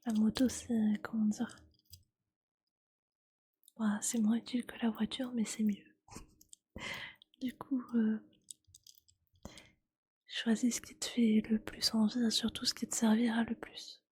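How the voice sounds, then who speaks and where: This woman whispers breathily in ASMR style, chatting and gently teasing as a streamer would with her viewers. Her voice sits on the high side with a flat delivery, and she takes her time, leaving long pauses.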